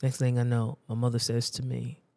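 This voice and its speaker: A man's voice: mid-range voice, completely flat delivery, a little fast, vocal fry, darkish tone, no echo. A man preaching a sermon, telling a personal story in a conversational, emphatic and repetitive way.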